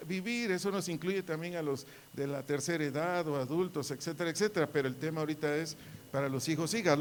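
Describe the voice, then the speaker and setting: A man's voice: on the high side, a little hiss or hum. A middle-aged man with a Mexican Spanish accent preaching a sermon, repeating his phrases and calling on the sons and daughters. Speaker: pastor. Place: church hall. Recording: hall reverb.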